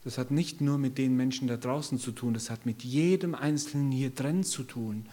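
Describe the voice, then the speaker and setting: A man preaching a sermon in a church service, impassioned and rising to loud pleading calls. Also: mid-range voice, moderate pace.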